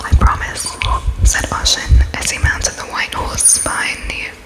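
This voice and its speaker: A person reading legends aloud in a soft ASMR whisper, with gentle, careful phrasing. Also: measured pace. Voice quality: whispered, unvoiced breathy whisper. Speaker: ASMR storyteller.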